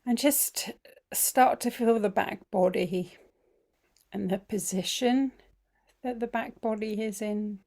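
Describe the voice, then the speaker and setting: A woman leads a guided body scan in an unhurried, gentle way. Her pitch sits in a middling range, and she often pauses on ums. Some phrases drop to a soft whisper. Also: vocal fry. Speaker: breathwork and mindfulness teacher.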